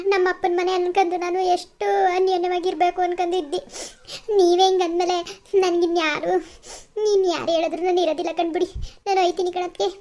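A whiny, pleading cartoon sister-in-law voiced by a woman. Her voice is very high and hurried, and her protests run on without pause. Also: darkish tone. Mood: self-pitying. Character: accused sister-in-law, pleading and self-pitying.

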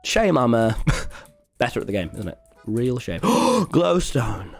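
A man livestreaming a game, chatting to his viewers in an animated, sweary, exclaiming way with music behind him. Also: medium pitch, takes it slowly, vocal fry, husky. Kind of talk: excitable game stream chatter, talking to chat. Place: indoors at a computer.

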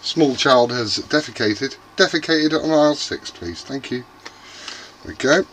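In a noisy little indoor radio workshop full of loud background noise and clicks, a middle-aged British man unboxes CB radio gear for a casual, unscripted vlog. His mid-range voice is unhurried as he mutters to himself, swearing and joking.

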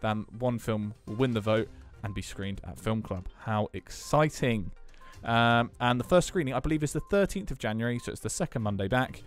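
A man's voice: medium pitch, a little fast, few pauses, faint music behind. A man chatting casually as co-host of a podcast, with jokey asides. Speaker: podcast co-host, school tech staff.

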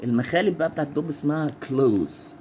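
A man with an Egyptian Arabic accent teaching English vocabulary, repeating each word slowly and explaining how it is pronounced. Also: a little high, expressive, a little mellow, a little hiss or hum. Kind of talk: vocabulary lesson with pronunciation drills.

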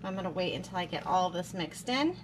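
This fast-talking woman has a fairly low voice with lively intonation, and background noise runs underneath. A homesteading vlogger and home cook, she casually narrates her kitchen project, practical and chatty, via a camera mounted above the stove and counter.

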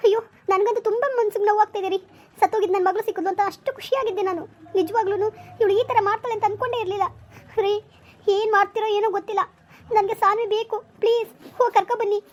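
A woman's voice: extremely high pitch, fairly even intonation, racing, pitched above the performer's own voice. A woman playing an anxious mother frantically searching for her daughter in a family drama skit. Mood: distraught. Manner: anxious, loud, calling out.

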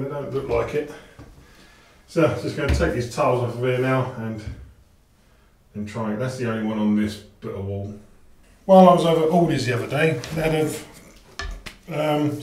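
A man's voice: medium pitch, a little mellow. A middle-aged man chatting casually as he works, talking through a DIY job in a small tiled bathroom. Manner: chatty, practical, thinks aloud with fillers. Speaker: DIY vlogger. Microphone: action camera. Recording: echoey tiled room, faint noise.

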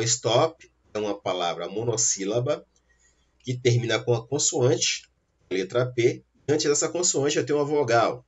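A male English teacher gives a language lesson with slow, careful explanations, spelling out letters. His mid-range voice is slightly rough, and the recording is dull and lo-fi.

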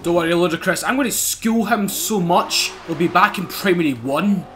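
A British man commentating casually over a racing game, excitable, swearing and laughing often. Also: high-pitched, moderate pace, over music. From United Kingdom. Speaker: gaming channel host. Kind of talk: casual let's-play commentary.

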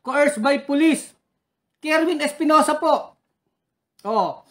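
A woman's voice: sits high, slow. Taunting, combative woman commentator. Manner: taunting, heckles critics and reads their names. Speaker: political commentator.

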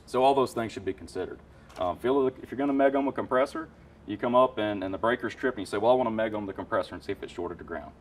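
Amid warehouse parts-room shelves, a man in his thirties who works in HVAC rattles through a casual, excited explanation of tools, heavy on fillers. His voice is on the low side and he talks fast. A distant mic adds a little hiss or hum.

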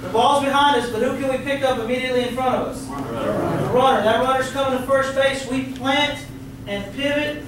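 A man's voice: extremely high pitch, brisk, noisy background. A middle-aged man with a Texan accent giving a training lecture to umpires in a large meeting room, coaching, asking the room questions and cracking folksy jokes. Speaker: umpire clinic presenter. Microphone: far room camera, no mic seen. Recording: very echoey room from far off.

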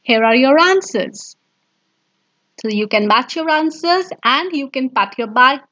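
Indian English teacher, woman; deliberate storybook narration, husky, dull dry voice-over. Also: sits high, animated, pushed and bright, no echo. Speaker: English teacher and channel host.

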